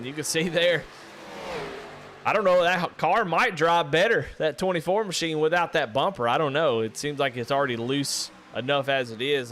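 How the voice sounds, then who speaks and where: A man with a drawl calls a live race in casual, folksy play-by-play. His voice is bright and forceful, and it climbs high and loud whenever cars make contact. A faint hum of noise sits behind him. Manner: excitable, rising sharply and loud during wrecks; folksy, casual Southern phrasing. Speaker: race commentator. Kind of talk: live sim racing play-by-play commentary.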